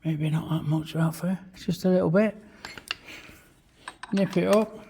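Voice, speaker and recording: Loud machinery and clicking surround a British man with a fairly high-pitched voice. He is demonstrating a job in his workshop in a casual, matey way, swearing often as he talks through each step in short bursts. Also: steady tone, a little slow, gravelly, slight background noise. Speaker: vlog host, hobby machinist. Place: small home workshop beside a milling machine. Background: milling machine running, clicks.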